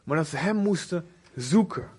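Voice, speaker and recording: A man preaching a sermon in a casual, conversational way, animated, with frequent fillers and restarts. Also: on the high side, normal speed, husky. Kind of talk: informal sermon.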